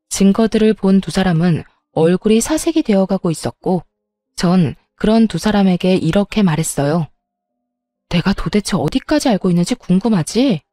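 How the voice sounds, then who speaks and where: Woman narrating a story, mellow tone. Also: mid-range voice, dry recording. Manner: bitter, sarcastic.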